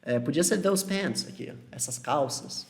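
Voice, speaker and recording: A young man with a Brazilian Portuguese accent teaching English live, answering viewers and slowing down to model each phrase. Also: on the high side, expressive. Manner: patient, explanatory, slows to model English phrases.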